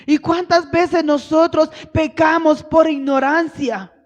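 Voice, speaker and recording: A woman missionary delivers a sermon in a high, unhurried voice, asking rhetorical questions and acting out quoted lines with rising force. Her voice carries a long reverb from the church hall. The recording sounds dull and lo-fi. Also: fairly even intonation. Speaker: missionary preacher.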